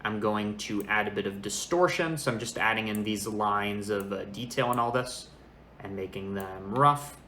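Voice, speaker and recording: Man, low voice, casual tutorial, thinking aloud, roomy lesser microphone, fan noise. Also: moderate pace, bright, forceful tone. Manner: informal, thinking aloud while working. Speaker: tutorial presenter. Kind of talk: casual screen-recorded software tutorial. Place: small indoor room. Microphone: makeshift microphone, not the usual good one. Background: fan noise, computer keyboard.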